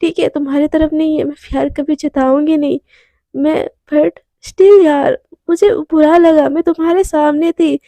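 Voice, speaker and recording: A woman's voice: sits high, fairly even intonation, normal speed, mellow, no room sound. A woman voicing a hurt, heartbroken young college woman who speaks reproachfully.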